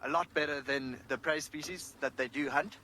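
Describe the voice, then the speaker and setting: A man's voice: on the high side, fairly even intonation, moderate pace, pushed and bright. A man giving informal live wildlife commentary as a safari guide, thinking aloud as he explains, outdoors in a vehicle. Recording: faint outdoor and vehicle noise. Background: outdoor ambience.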